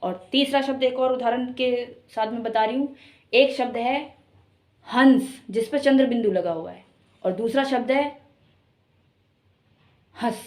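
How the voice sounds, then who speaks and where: A woman teaching an online Hindi class, explaining step by step and slowly stretching example words to show stress and tone. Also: on the high side, a little mellow.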